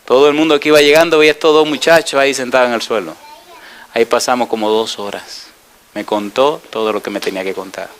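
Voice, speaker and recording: A male pastor delivering an animated storytelling sermon, asking the congregation rhetorical questions. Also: medium pitch, fast talker.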